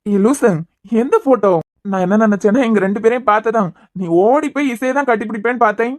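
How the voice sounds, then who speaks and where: Woman doing a young cartoon groom, kanyakumari tamil, teasing and brisk, kinda high, dry close mic. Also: a little mellow, dry recording, natural voice.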